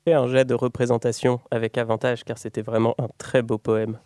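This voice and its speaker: A man's voice: mid-range voice, little pitch movement, brisk, darkish tone, no echo, clean studio sound. A man acting as game master, improvising the narration of a tabletop role-playing game in a conversational way.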